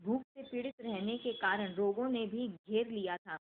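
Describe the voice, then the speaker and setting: A woman in a steady, measured devotional scripture reading, with occasional self-corrections, over a tinny phone-like line. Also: mid-range voice. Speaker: scripture reader.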